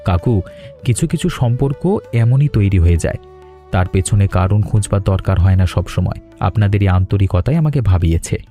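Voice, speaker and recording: In cartoon drama dialogue over background music, a man plays a courteous, reassuring young traveller with business sense. His lowish voice is very mellow, animated and lightly acted, sounding sincere, polite, measured and earnest.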